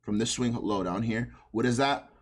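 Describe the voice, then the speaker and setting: A man's voice: medium pitch, moderate pace. A man giving a casual trading lesson, blunt and heavily profane, constantly checking in with "right?" and "you understand?". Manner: frequent tag questions "right?" and "you understand?". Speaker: trading instructor.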